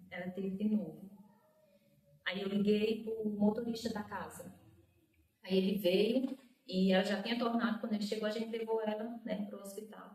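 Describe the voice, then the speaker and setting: A woman giving an emotional personal testimony as a guest, acting out the voices in her story. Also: warm tone. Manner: storytelling, acts out quoted speech with rising pitch. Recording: echoey room, mic at a distance.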